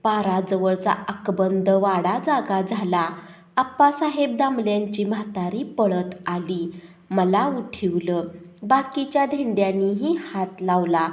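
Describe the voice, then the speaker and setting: Slow-paced woman storyteller. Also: medium pitch, a little mellow. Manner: slow, measured, dramatic. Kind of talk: slow first-person story narration.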